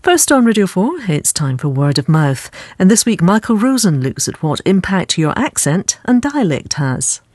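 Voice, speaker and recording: A British man makes scripted radio announcements in a fairly high, very animated voice. The sound is dry and close, with no room to it. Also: moderate pace, hardly any pauses, dry recording.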